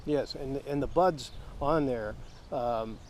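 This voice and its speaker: A daylily grower answers interview questions outdoors in a garden, explaining things casually amid faint background noise. His mid-range voice is relaxed but halting, full of fillers and restarts.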